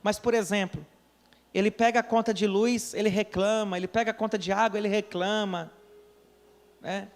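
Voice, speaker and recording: A pastor from Brazil preaching a sermon, telling a story and acting out the people in it, with questions to the congregation. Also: male voice, high voice, steady tone, moderate pace, in a large hall. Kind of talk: sermon with acted dialogue. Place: church during a service.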